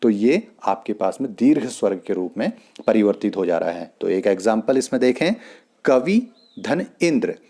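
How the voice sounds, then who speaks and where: A man's voice: on the low side, very animated, normal speed, warm tone. A man teaching a grammar lesson, explaining each rule step by step and repeating worked examples.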